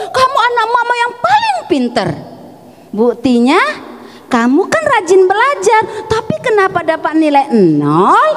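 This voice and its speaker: A woman's voice: high-pitched, noisy background, full character voice. Woman doing a soothing, tender mom. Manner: soothing, coaxing. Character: tender comforting mother soothing her child. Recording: echoey hall.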